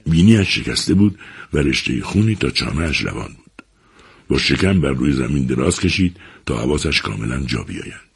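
Very deep gravelly man, husky, lively audiobook narration.

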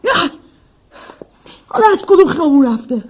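A woman's voice: high voice, very animated. A woman voicing a restless teenage son in a dubbed drama, protesting and laughing off his mother's worry. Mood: reassuring.

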